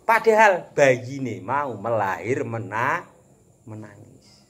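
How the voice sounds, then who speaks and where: Male preacher, Javanese accent, casual sermon, mid-pitched voice with lively melody, jokey. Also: slow. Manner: animated, chuckles often, mixes teaching with jokes. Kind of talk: casual religious talk.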